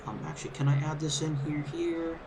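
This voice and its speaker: A man's voice: on the high side, flat delivery, fairly quick. Easygoing man commentating over noisy game ambience. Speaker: let's play host. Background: video game crowd ambience and background music.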